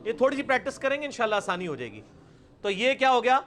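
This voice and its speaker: A middle-aged man with a Punjabi accent and a high voice teaches Quranic pronunciation to a live class. He repeats each sound loudly and slowly for the students to copy, then calls on them one by one by name. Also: very animated. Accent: Punjabi-accented Urdu.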